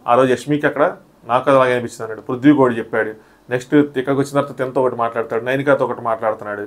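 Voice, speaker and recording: A man giving a quick, animated review of a reality show, acting out what the contestants said. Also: a little high. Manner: animated, re-enacts contestants' quotes. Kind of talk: fast recap commentary.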